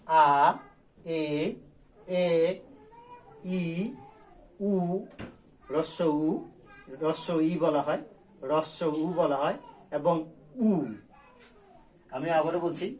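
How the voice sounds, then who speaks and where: Man, slightly high voice, teacher, online grammar class, repeats and drills sounds. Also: warm tone, a little hiss or hum. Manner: repeats key sounds slowly and drills them. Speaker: school teacher.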